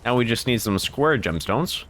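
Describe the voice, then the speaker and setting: A man giving casual gameplay commentary as a streamer, thinking aloud in a relaxed way and swearing now and then. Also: mid-range voice, moderate pace, a little hiss or hum.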